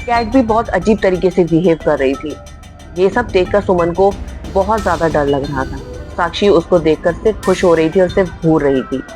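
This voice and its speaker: With a lowish, slightly mellow voice at a moderate pace, a woman narrates a spooky horror story dramatically and emphatically, often stressing how very scary things were. She keeps repeating "very much" for emphasis, and faint music plays in the background.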